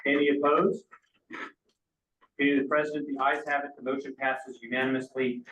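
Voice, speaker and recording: A man's voice: medium pitch, flat delivery, normal speed, fairly bright tone. A man acting as board chairman, speaking formally and courteously as he runs meeting procedure. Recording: distant, roomy, dull, faint noise.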